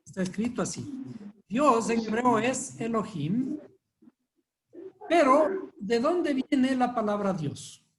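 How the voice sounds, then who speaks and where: A man's voice: extremely high pitch, lively intonation, slow, long pauses. A man teaching a live Bible study class, constantly quizzing his listeners with rhetorical questions. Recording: echoey room with faint noise.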